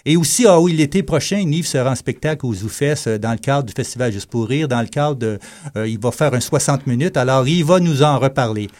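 A man's voice: mid-range voice, a little fast, a little mellow. A man with a Quebec French accent giving a casual, joking radio column, hesitant and full of fillers. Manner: jokey, chatty, hesitant with many fillers. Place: radio studio.

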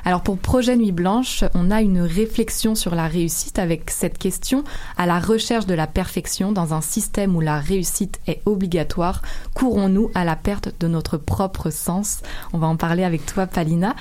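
A woman's voice: fairly low pitch, moderate pace, a little mellow. A woman hosting an interview in a conversational way, gathering her thoughts aloud as she goes. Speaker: interview host.

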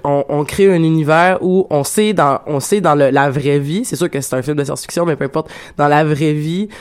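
A man with a Quebec French accent, hosting a casual film discussion podcast and talking haltingly with many restarts and repeated words. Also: fairly high pitch, clear, resonant tone. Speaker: podcast host.

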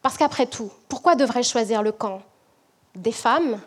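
A woman from French Guiana, a management professor, giving a measured, reflective prepared talk to an audience. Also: a little high, slightly rough.

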